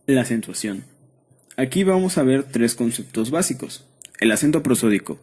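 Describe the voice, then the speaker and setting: A man with a Mexican accent reading a spelling lesson aloud in a steady, measured way. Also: medium pitch, slightly rough. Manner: steady, measured reading of rules and word lists. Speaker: student presenter. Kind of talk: read-aloud lesson narration.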